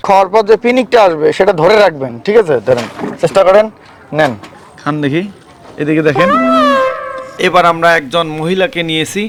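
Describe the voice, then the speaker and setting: A man with a Bangladeshi accent hosts a street challenge, instructing contestants and repeating himself as he talks to camera. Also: fairly high pitch. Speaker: challenge host. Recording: faint background noise, ambient sound.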